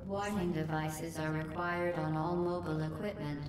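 Game AI: deadpan female computer, robotic glitchy processing, low-ish pitch, echoey and distant over game music. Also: normal speed, noisy background. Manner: deadpan, clinical announcements. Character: cold, polite female AI running test chambers. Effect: robotic, glitchy processed voice filter. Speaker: test facility computer voice.

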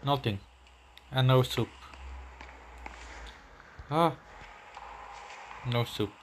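A man's voice: medium pitch, drawn-out words, slight background noise. A young man giving goofy let's-play commentary, joking about himself in the third person. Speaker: gameplay commentator.

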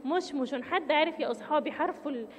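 A high-pitched woman speaks with an Egyptian Arabic accent, teaching young pupils and drawing out each syllable with clear emphasis. Her voice carries a long reverb, and a faint noise sits behind it. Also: fast. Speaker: primary school teacher. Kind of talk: children's reading lesson. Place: school classroom or room.

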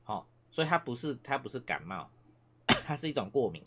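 A man's voice: mid-range voice, very animated, brisk, a bit bright, slightly rough. A man teaching Japanese in a casual classroom lecture, rambling and repeating himself with many fillers, coughing now and then.

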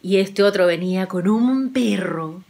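A woman telling a folktale aloud, playful and animated, talking straight to her listeners. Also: mid-range voice, measured pace, gravelly. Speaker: storyteller. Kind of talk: oral storytelling.

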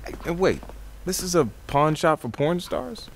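A man's voice: fairly high pitch, lively intonation, normal speed, vocal fry. An actor playing a laid-back young male hacker sidekick in a video game, with casual street talk.

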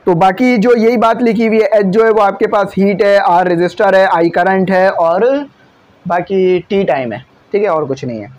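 High-voiced man teaching physics. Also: a little mellow. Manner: explains with everyday examples, keeps checking understanding; reads English textbook lines slowly and deliberately. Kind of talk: classroom lecture on video.

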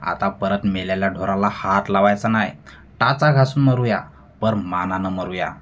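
Man voicing a proud village laborer, sharp and defiant. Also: low voice, steady tone, moderate pace. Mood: solemn. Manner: bold, sharp, retorting.

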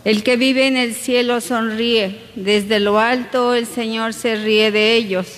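Slow-reading woman in a reverberant church. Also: on the high side, fairly even intonation. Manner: solemn, deliberate reading. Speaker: lector. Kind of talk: liturgical psalm reading. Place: church sanctuary at Mass.

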